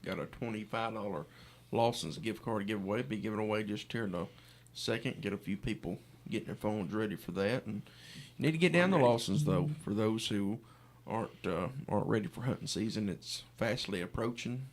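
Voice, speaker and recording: A man's voice: fairly low pitch, fairly quick, few pauses. A man co-hosting live radio in a folksy way, giving a contest promo and chatting casually with callers. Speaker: radio co-host. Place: radio studio.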